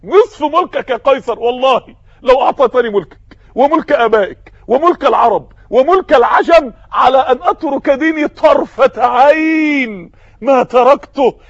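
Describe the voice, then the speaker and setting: A man with an Egyptian Arabic accent voicing a steadfast, devout captive who makes slow, solemn, emphatic vows. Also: extremely high pitch, expressive, no room sound, dull audio. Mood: defiant.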